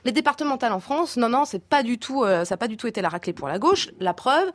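A woman's voice: a little high, animated, quick pace, dry recording. A woman giving a humorous press review on the radio, mock-serious and chatty, with playful asides. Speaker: radio columnist. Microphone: studio microphone.

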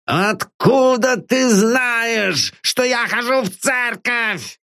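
A man's voice: medium pitch, very animated, drawn-out words, vocal fry, breathy edge, no echo, studio quality, pitched above the performer's own voice, heavily acted. A man reading an audiobook and voicing an elderly, guilt-ridden father who swings between ranting and weak, faltering speech. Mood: raving.

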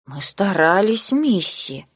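A woman reading the part of a proud, buxom maid with rustic, drawn-out speech. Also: mid-range voice, big pitch swings, breathy edge, no room sound, studio quality, full character voice.

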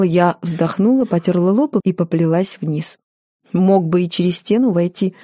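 A woman narrating a first-person audiobook in a wry, lively storytelling manner. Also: lowish voice, no echo, studio quality.

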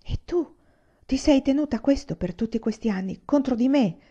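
A woman's voice: medium pitch, normal speed, mellow, close to an everyday voice. A woman reading a novel aloud and voicing an angry, accusing husband who argues in raised, insistent outbursts. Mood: indignant. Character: angry, accusing Chinese husband, adult man. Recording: slightly dull lo-fi recording.

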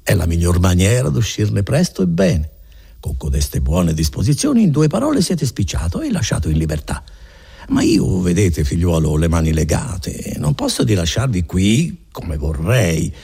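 A man voicing a smooth, ingratiating male notary who coaxes and wheedles, in a husky voice. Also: sits low, big pitch swings, measured pace, few pauses, mellow, voice pushed down, full character voice. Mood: coaxing. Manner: coaxing, ingratiating.

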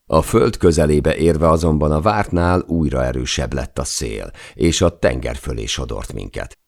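Deep gravelly male audiobook narrator. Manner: measured, steady first-person reading.

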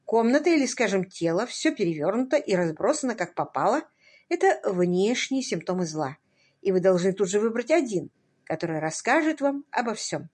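A woman voicing a curious, witty aristocratic gentleman detective who muses aloud in playful questions. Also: medium pitch, sing-song, moderate pace. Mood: musing. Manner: musing, playful rhetorical questions.

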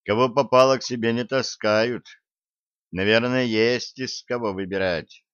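A man reading a first-person audiobook in a wry, unhurried way. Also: medium pitch, steady tone, a bit bright, clear, resonant tone, no echo. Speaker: audiobook narrator. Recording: dull, dry recording.

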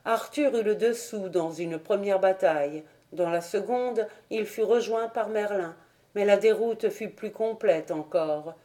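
Reading aloud as an audiobook narrator, this woman tells a legend with measured expressiveness in a voice that sits in the middle range.

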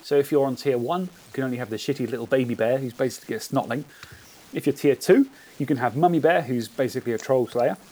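A man hosting a casual podcast, chatting in an animated way and explaining things at length. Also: medium pitch, fast talker, rough recording. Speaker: podcast host.

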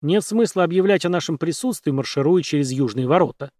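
A man voicing a terse, irritable leader who gives hushed, urgent orders during a covert chase. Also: fairly high pitch, expressive, a little fast, no room sound, clean studio sound.

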